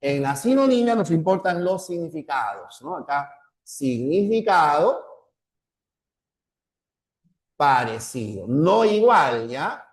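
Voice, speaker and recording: Teaching a class in a Peruvian Spanish accent, a man with a slightly high, very animated voice keeps repeating the key terms and asking "¿ya?" to check in. He slows his pace to spell out examples, lecture-style.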